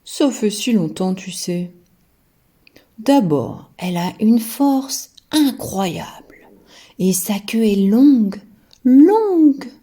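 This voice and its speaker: Cautioning monster father, played by a woman in toddler storytime: grave, drawn-out, dramatic, softly husky. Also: a little high, sing-song, exaggerated voice. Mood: awed recollection. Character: adult male monster father, solemn, cautioning, exaggerating.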